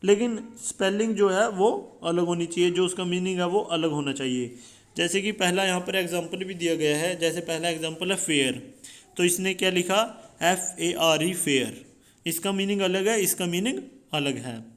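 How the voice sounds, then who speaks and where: A young man with an Indian accent teaching a school English lesson. He reads the English lines slowly, then explains them in Hindi. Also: high voice.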